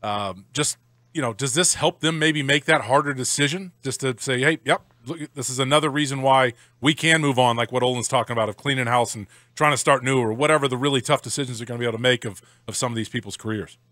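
A male co-host poses long, searching questions on a postgame radio show. He talks fast in a bright, forceful voice, close to a dry mic. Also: medium pitch, no room sound.

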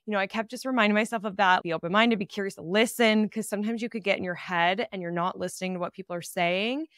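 Brief: woman in her 30s, podcast host, animated chatty storyteller, smooth clear tone, dry close sound. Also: medium pitch, quick pace, no room sound. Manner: animated, chatty, many "like" fillers. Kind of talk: personal storytelling monologue.

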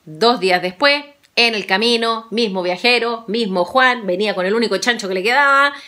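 A woman telling a folktale aloud, playful and animated, talking straight to her listeners. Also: a little high, normal speed. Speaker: storyteller. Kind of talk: oral storytelling.

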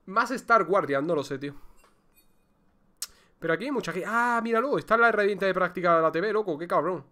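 A man with a Spain Spanish accent streaming a video game, chatting casually with excitable, theatrical, joking complaints. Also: sits high, fairly quick. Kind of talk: casual livestream gameplay chatter.

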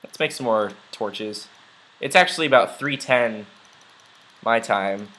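This one has a medium pitch and a sharp tone, speaking without hurry on a rough recording. He's a young man offering casual gameplay commentary, chatting and rambling along with plenty of fillers.

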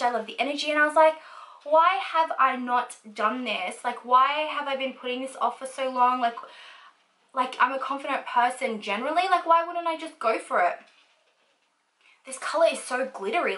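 Doing her makeup in a small, reverberant room at home, a twentysomething woman from Australia rambles chattily about her life for a get-ready-with-me clip. She laughs readily, says "like" and "um" a lot, and her high voice sounds pushed and bright.

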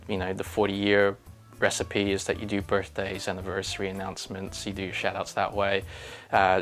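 A man's voice: fairly low pitch, fairly bright tone. A man, talking earnestly in a documentary interview as a radio station's chairperson, with frequent ums and uhs, on a lapel mic. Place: radio station music library.

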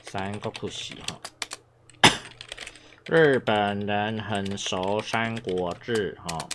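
A man's voice: fairly low pitch, background noise. A man from Taiwan, teaching a casual Japanese lesson. He is chatty, repeats himself, uses many filler sounds and coughs now and then.

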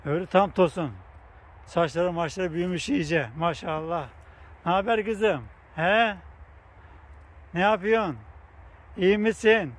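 A man's voice: sits high, measured pace, pauses often. A man outdoors filming a casual vlog, coaxing animals to come closer and chatting to his viewers with affection. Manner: coaxing and affectionate, laughs often. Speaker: vlogger. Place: outdoors by grazing bison, near a bike path.

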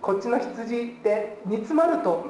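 A fairly high-pitched man preaches a sermon from a church pulpit. He keeps filling pauses with a long "ee" and drops in gentle humor. The live stream carries the roomy echo of the sanctuary, with faint hiss underneath. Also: lively intonation. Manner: fills pauses with drawn-out "ee", jokes lightly. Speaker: guest pastor.

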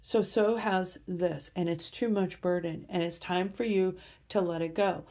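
A woman's voice: lowish voice, fairly even intonation, a little slow, warm tone. A woman giving a tarot reading to camera, upbeat and speaking straight to her viewers. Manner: enthusiastic, addresses viewers directly. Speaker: tarot reader.

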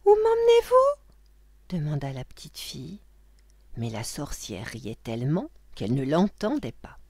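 A woman reading a children's story aloud in an expressive, animated way, close to the microphone. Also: rumbling low, moderate pace, husky, no echo.

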